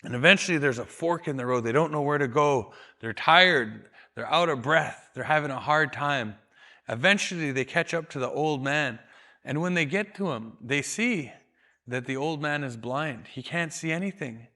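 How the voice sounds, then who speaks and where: A man telling a traditional story in a calm, measured, deliberate way. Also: fairly high pitch. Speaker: storyteller and educator.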